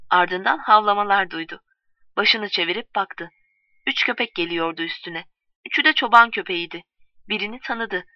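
Female storyteller, measured read, dry and distant on a dull recording. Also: mid-range voice, no echo. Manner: calm measured reading, voicing quoted lines. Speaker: narrator. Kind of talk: storybook narration.

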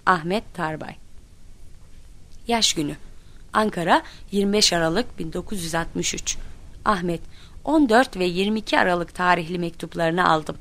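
A woman reading a children's story aloud, told as letters between friends, with lively voices for the people in it. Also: normal speed, long pauses. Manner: lively, voices quoted children and teachers with raised pitch. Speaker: narrator reading a children's book.

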